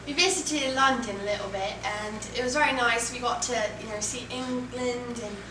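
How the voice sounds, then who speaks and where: A woman's voice: fairly high pitch, moderate pace. A woman, a singer, chatting in a bubbly, giggly way in an interview, saying "like" a lot. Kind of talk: casual interview chat. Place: studio. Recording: echoey room, mic at a distance, background noise.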